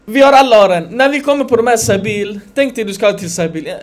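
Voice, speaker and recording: A man giving a conversational sermon to a gathering, animated, swinging between loud emphasis and quiet asides. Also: sits high. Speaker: religious lecturer.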